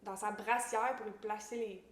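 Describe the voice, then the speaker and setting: Animated Québécois woman recapping a book, roomy sound. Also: mid-range voice, normal speed. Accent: Québécois French. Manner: animated, mixes English slang into French, acts out characters. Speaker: book YouTuber. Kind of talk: casual book recap vlog.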